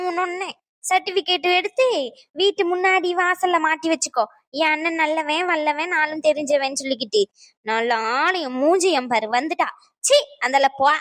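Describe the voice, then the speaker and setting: A woman's voice: high-pitched, dry recording, studio quality. A woman voicing a scolding, insulting middle-aged aunt in a cartoon drama. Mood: mocking. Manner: insulting, shouting, wailing.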